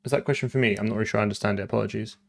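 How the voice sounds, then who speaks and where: A man's voice: lowish voice, fairly even intonation, racing, creaky. A man live-streaming his programming, talking through code and answering chat, often trailing off and repeating words.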